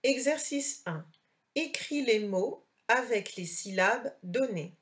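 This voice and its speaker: A woman teacher, recording a slow dictation lesson for a child and carefully articulating each word. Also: fairly high pitch, animated.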